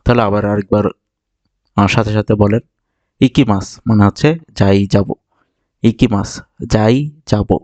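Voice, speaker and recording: A man from Bangladesh teaching vocabulary, explaining patiently and repeating each word slowly for learners. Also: on the low side, level tone, darkish tone, no room sound. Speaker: Japanese language teacher. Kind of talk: vocabulary lesson narration.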